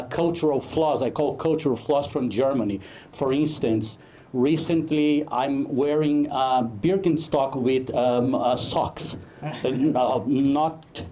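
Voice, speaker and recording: Man, film director, joking anecdotal talk, mellow dark tone, faint background hiss. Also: mid-range voice. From Brazil. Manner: humorous, anecdotal, halting with many fillers. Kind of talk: casual talk at a networking event.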